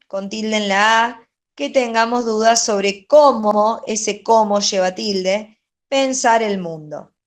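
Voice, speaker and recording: A woman teaching a grammar lesson, going over exercise answers patiently and often checking in with "¿sí?". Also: on the high side. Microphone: online class.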